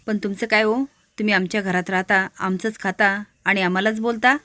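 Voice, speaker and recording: A woman's voice: mid-range voice, a little fast, no echo, lightly acted. A woman voicing a firm young daughter-in-law. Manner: calm, steady, firm.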